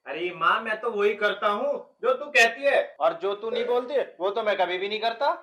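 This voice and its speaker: An actor playing a stubborn, cheeky young village husband with a Haryanvi accent, loud and quarrelsome with quick comic retorts. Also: male voice, sits high, expressive. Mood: exasperated. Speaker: comic lead in a village film.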